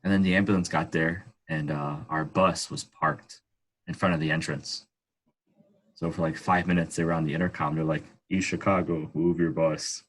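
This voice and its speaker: A man working as an athletic trainer, chatting casually on a podcast and telling animated stories. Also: very deep voice, moderate pace, husky. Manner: animated storyteller.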